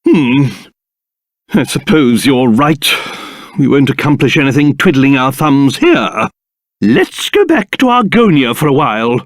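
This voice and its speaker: King Trode, wildly excitable pompous old British king. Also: measured pace, no echo, studio quality. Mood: grave, scheming. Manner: pompous, theatrical, swinging between grumbling and shrill outbursts. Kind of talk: video game character voice acting.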